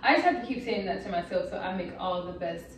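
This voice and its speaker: A woman's voice: fairly low pitch, expressive, fast talker, a little hiss or hum. A young woman from the Chicago area chatting to her phone camera in a casual, candid, self-mocking vlog, from a car and then at home. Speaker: vlogger. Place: car backseat, then small kitchen and living room. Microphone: phone camera held close.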